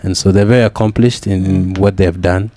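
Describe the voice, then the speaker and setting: A young man with a Kenyan accent, a podcast guest reflecting candidly on his upbringing, often pausing with restarts and repeated yeahs. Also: sits low, steady tone, warm tone, dry recording. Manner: reflective, with frequent "yeah" and restarts.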